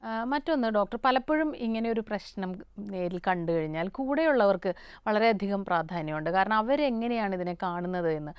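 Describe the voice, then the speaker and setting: Smooth-voiced woman TV host. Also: mid-range voice, expressive, moderate pace, no room sound, studio quality. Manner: clear and formal, prompting guests. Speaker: TV show host. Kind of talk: TV health phone-in hosting.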